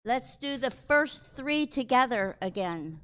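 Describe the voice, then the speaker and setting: A woman presenting a children's Bible program in a theatrical, deliberate, scripted way. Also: a little high, animated, fairly bright tone, smooth. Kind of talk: scripted skit and chant for children.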